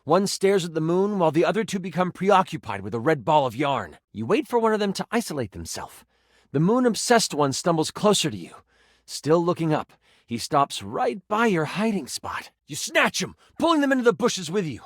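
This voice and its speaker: In a studio-quality recording without room sound, a man with a slightly high voice and big pitch swings narrates a fantasy tabletop adventure as a playful game master. He talks at a normal pace, and his theatrical, second-person telling carries a suspenseful, dramatic mood.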